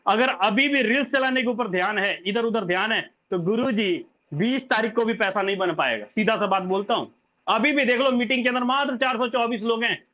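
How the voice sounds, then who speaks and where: A man giving a pushy, repetitive sales pitch in a live online meeting, calling listeners brother and sir. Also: bright, forceful tone, dull audio. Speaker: crypto scheme presenter.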